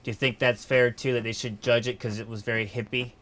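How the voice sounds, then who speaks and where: A man's voice: medium pitch, level tone, quick pace, a bit bright. A man hosting a podcast, talking casually and rambling through a long explanation. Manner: rambling, conversational, with fillers and restarts. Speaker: podcast host and business owner.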